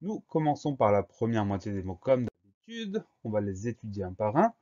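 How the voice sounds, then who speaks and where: A man's voice: fairly low pitch, very animated, moderate pace, mellow, dull audio. A man teaching a spelling lesson, patiently explaining each word and spelling it out letter by letter.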